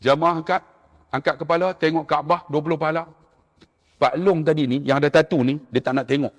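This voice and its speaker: A male preacher with a Malaysian Malay accent telling a story in a sermon, animated and acting out the people in it. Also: fairly high pitch, a little fast, in a large hall. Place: mosque.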